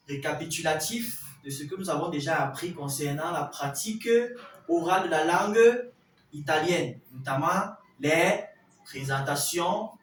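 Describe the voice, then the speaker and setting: A man teaching a language class, explaining exercises slowly and deliberately, step by step. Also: fairly high pitch, fairly bright tone. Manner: slow, deliberate, spelling out each step. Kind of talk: classroom instruction. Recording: echoey room from a distance, faint hiss.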